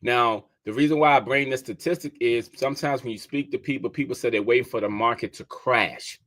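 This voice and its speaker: A man's voice: mid-range voice, fairly bright tone. Dc-guy hosting a podcast, chatty, says y'all a lot, keeps repeating his numbers. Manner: conversational, addresses listeners as y'all, repeats figures for emphasis. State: keeps sneezing. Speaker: podcast host and real estate agent. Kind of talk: casual talk to listeners.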